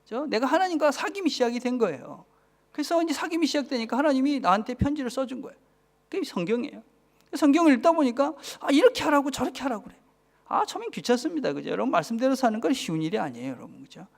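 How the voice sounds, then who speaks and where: Man, pastor, Busan accent, sermon in church, very animated pitch, hushed asides. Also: quick pace, vocal fry. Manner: keeps asking the congregation for agreement, drops to a whisper for emphasis.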